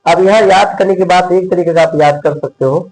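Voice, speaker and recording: A man's voice: high voice, fairly even intonation, brisk, darkish tone, low-quality recording. A young man teaching Hindi grammar in a coaching-class lecture. He repeats each point, quizzes his students and keeps calling them his dear brothers.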